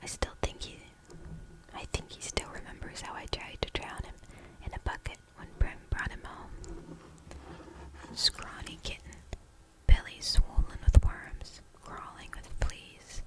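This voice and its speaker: A woman reading a novel aloud for ASMR in a soft, hushed whisper, slow and deliberate.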